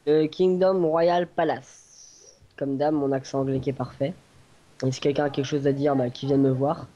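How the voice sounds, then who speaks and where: A man's voice: mid-range voice, monotone, a little fast, dark tone. A man giving a casual, hesitant walkthrough tour of a game server, often searching for words. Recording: dull lo-fi home recording.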